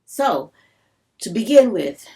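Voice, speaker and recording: A woman's voice: mid-range voice, big pitch swings, takes it slowly, warm tone, rough recording. A woman interviewer asking brief questions in an oral history interview.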